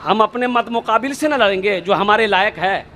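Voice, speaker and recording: A man from Bengal giving an animated sermon to a seated gathering, questioning his listeners and slowing down for emphasis. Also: high voice. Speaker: Islamic preacher. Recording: live gathering with crowd noise. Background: seated crowd of listeners.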